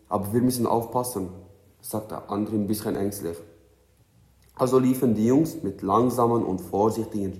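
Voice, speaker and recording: A man's voice: on the low side, a little mellow. A young man reading his own story aloud in plain German, now and then tripping over words and correcting himself. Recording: roomy echo.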